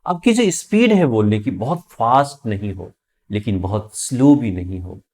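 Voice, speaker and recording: A man with an Indian accent teaching interview communication skills, speaking clearly with deliberate pauses and emphasis. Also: fairly low pitch, expressive, darkish tone. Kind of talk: instructional talk to camera.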